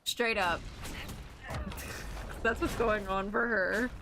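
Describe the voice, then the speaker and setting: Giggly, excitable woman streamer. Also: on the high side, drawn-out words, background noise. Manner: giggly, excitable and profane, with frequent filler words. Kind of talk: casual gameplay commentary.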